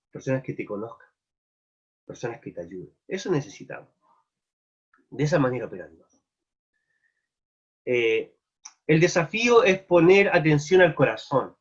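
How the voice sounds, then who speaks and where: A man's voice: fairly high pitch, slightly rough. A man with a Chilean accent preaching a sermon at a live virtual church meeting, earnestly asking his listeners one searching question after another. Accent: Chilean Spanish. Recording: dull lo-fi online meeting audio.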